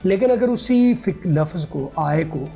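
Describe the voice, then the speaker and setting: A man's voice: a little high, animated, a little slow, creaky, warm tone, soft background music. A man teaching an English pronunciation lesson, patiently repeating words and phrases for his students.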